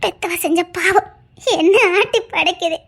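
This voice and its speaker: A woman's voice: very high-pitched, steady tone, measured pace, fairly bright tone, heavily acted. A woman voicing a heartbroken, orphaned young woman who wails tearfully, with a Tirunelveli Tamil accent. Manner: tearful, wailing.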